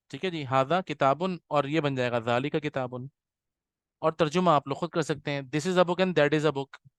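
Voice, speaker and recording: A patient man teaching a grammar class, repeating examples slowly and checking in with his students. His voice sits a little high and comes across smooth and crisp. The sound is dry and close, with no room echo. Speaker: Arabic teacher.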